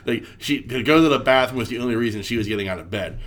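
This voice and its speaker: This man co-hosts a podcast, chatting casually and fast with a medium-pitched, slightly bright voice that sounds stuffed up from a cold. He rambles, curses freely, and leans heavily on "like."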